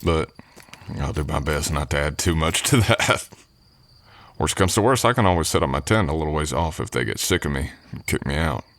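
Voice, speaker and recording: In an intimate ASMR roleplay aimed at the listener, a man plays a drifting cowboy ranch hand from the Old West. His extremely deep voice has a fairly bright tone and an animated, slow folksy drawl, and he comes across as modest, courteous and good-natured.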